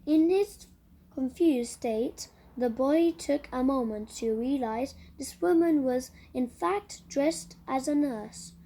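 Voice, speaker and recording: A woman reads a children's storybook aloud at an unhurried pace. Her voice is fairly high, and she often pauses to talk to the child about the pictures. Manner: stops for gentle asides to the listener. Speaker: reader.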